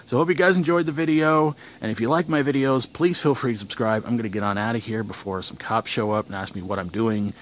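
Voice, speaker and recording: A man's voice: medium pitch, fast talker, hardly any pauses, slight background noise. A young man telling a casual vlog story outdoors, rambling, with restarts and chuckles. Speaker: vlogger.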